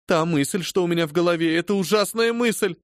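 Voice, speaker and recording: A frantic young servant woman, sobbing and begging in breathless bursts, as a male audiobook reader puts her on. Her voice sits high and strained, far above his own. The dry, close recording has no room sound. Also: a little fast, dry recording, natural voice. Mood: pleading. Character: frantic young female servant, tearful and pleading. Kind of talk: audiobook reading.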